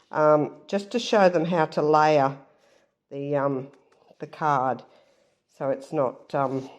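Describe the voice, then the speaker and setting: Nasally woman w a blocked nose chatting thru her craft stuff, slow, lots of ums. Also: sits low, darkish tone. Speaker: craft vlogger. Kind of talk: casual show-and-tell.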